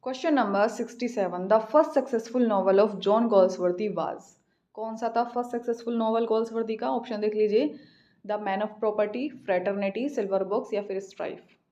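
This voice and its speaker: Indian woman, exam tutor, mellow low-toned voice, unhurried delivery. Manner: reads questions slowly, explains quickly. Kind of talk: exam practice lesson, Hindi-English mix.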